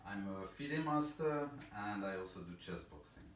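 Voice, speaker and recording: Low-voiced man, rambling and thoughtful. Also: animated, normal speed. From England. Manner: rambling and thoughtful, many fillers, self-deprecating. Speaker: interview guest, chess boxer. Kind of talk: casual interview answers. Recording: roomy, distant, faint background noise.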